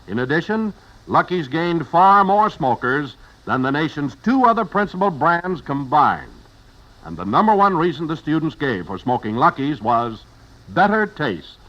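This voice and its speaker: Bright, animated American radio announcer man. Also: a little high. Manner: emphatic, polished sales delivery. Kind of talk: 1950s radio advertising read. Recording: dull old radio broadcast.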